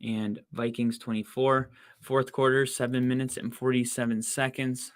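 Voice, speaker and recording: A young man hosting a casual live football watch-along podcast, chatty and excitable, saying he is losing his voice. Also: mid-range voice, moderate pace, smooth. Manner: chatty, excitable, rising to loud disbelief at plays. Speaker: podcast host doing live game watch-along commentary. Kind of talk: casual play-by-play chat.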